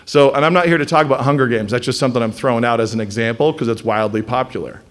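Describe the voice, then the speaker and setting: A man giving a blunt, animated lecture to a live class, sometimes mocking the voices of others. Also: mid-range voice, racing. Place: classroom or hall with audience.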